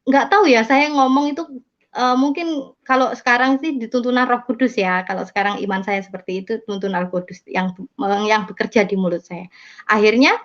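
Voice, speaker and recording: A woman casually telling her conversion testimony, rambling with many fillers and self-corrections. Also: fairly high pitch. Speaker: testimony speaker. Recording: dull lo-fi sound.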